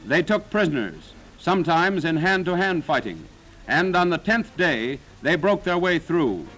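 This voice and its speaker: A man's voice: a little high, sing-song, measured pace, a bit bright, soft background music, rough recording. A man narrating a 1940s wartime newsreel in a dramatic, solemn, declaiming manner.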